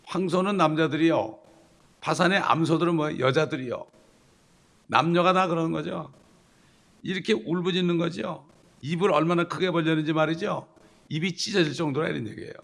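A man preaching a sermon, emphatic, with sudden loud bursts and rhetorical questions to the congregation. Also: a little high, brisk, vocal fry. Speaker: pastor.

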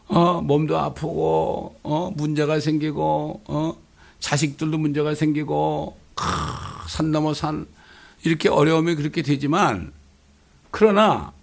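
A middle-aged male pastor preaching a sermon, animated, often tossing "eh?" to the congregation. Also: fairly high pitch. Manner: animated, rhetorical questions, frequent "eh?" asides.

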